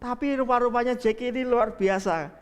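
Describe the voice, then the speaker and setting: Male pastor, high voice, animated storytelling sermon, echoey church hall. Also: brisk, smooth. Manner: animated storyteller addressing the congregation.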